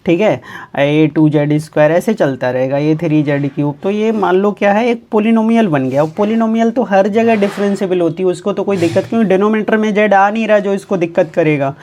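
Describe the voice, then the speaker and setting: A man teaching mathematics in a recorded exam-prep lecture. He asks himself quick questions and answers them, repeats key points, and slows right down to read definitions word by word. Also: high voice, darkish tone, a little hiss or hum. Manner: reads English definitions out slowly, word by word; repeats key points, often says "ठीक है".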